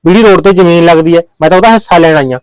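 A man's voice: a little high, rapid-fire, smooth, no room sound, lightly acted, low-quality recording. A man playing an insistent Punjabi-accented husband. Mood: persuading. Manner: insistent, hushing, pleading. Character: pushy young husband, mother's son. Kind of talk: comedy short-film acting.

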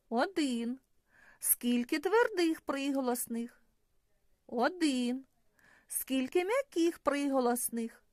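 Slow sing-song woman teaching small children. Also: high voice, darkish tone, no echo, clean studio sound. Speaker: primary school teacher. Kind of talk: phonics lesson for young children.

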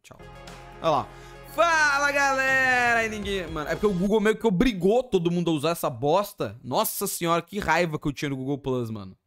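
Excitable Brazilian streamer, high lively voice. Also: male voice, fast talker, few pauses, soft background music. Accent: Brazilian Portuguese. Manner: excitable, exclamatory reactions with Brazilian slang. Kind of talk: live stream reaction.

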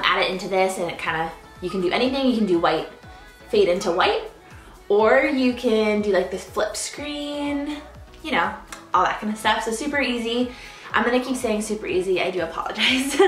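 A woman's voice: mid-range voice, fairly bright tone. Young female YouTuber, chatty and upbeat, casual how-to delivery, echoey room. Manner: bubbly, chatty, repeats "super simple", many ums. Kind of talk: casual how-to chat to camera.

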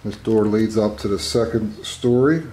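A real estate agent casually narrates a walk-through of a house under renovation, moving through its empty rooms. His voice sits on the low side, warm and measured, and the recording is echoey with clear background noise.

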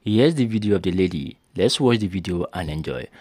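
Brisk man doing a channel intro. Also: deep voice, animated, mellow, breathy edge, no echo, clean studio sound. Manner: brisk, formulaic. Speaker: YouTube entertainment channel host. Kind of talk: scripted voice-over intro.

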